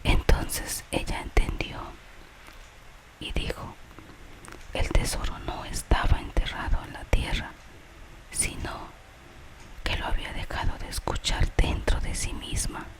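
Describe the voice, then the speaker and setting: Whispered storytelling, ASMR, very slow pace, unhurried, breath-only delivery, gentle tale with a moral. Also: low-quality recording.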